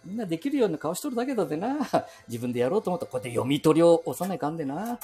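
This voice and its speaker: A man's voice: on the high side, very animated, rapid-fire, warm tone, soft background music. A man in his seventies with a Nagoya dialect, chatting to himself in a rambling monologue while walking outdoors, full of chuckles and asides. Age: 70s. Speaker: podcast host. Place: walking outdoors and inside a bank ATM booth.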